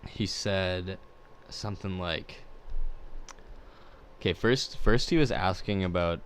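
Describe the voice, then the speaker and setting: A young man, co-hosting a podcast and telling a story in a relaxed, low-key way. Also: slow, a little hiss or hum. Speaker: podcast co-host. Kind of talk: casual chat.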